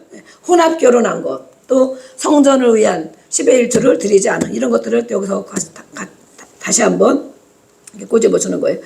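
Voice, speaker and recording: A woman preacher giving a lively sermon in church to a congregation with elders, often switching into the voices of the people she describes. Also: mid-range voice, creaky. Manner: lively, acts out quoted voices.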